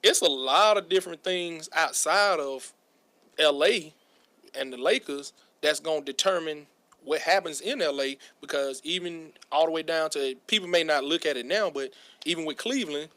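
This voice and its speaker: Relaxed high school coach guest, man. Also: normal speed. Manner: relaxed, conversational, frequent "you know". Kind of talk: casual sports chat.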